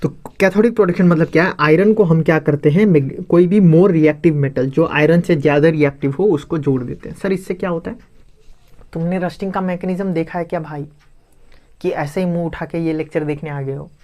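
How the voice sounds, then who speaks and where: Playful mellow-voiced male teacher. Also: fairly high pitch, fairly quick. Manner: teasing, joking, lively explaining. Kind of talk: playful exam-prep lesson.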